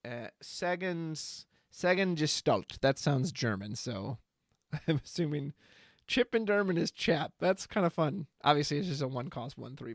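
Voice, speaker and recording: A man's voice: on the high side, no room sound, clean studio sound. A man streaming live, casually thinking aloud as he reads card text and chat comments. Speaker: streamer reviewing trading card spoilers.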